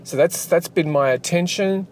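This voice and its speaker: A man's voice: sits high, moderate pace, a little mellow. Rambling man talking while driving. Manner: rambling, full of fillers and restarts. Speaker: game developer and channel host. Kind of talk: casual driving vlog. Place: inside a car while driving. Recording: road noise inside a moving car.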